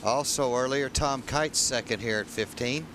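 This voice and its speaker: A man's voice: medium pitch, normal speed. A man commentating on a golf tournament as a broadcast commentator. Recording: outdoor broadcast, clear ambient noise.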